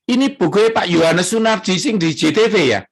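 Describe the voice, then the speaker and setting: A man's voice: high-pitched, expressive, brisk. A man with a Javanese accent imitating a chatty female nurse during a sermon.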